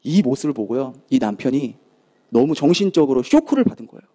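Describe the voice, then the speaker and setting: A man's voice: mid-range voice, sing-song, fast talker, dark tone. A male pastor preaching a sermon with emphatic delivery, acting out prayers and putting rhetorical questions to the congregation. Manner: emphatic preaching with dramatic acted quotes.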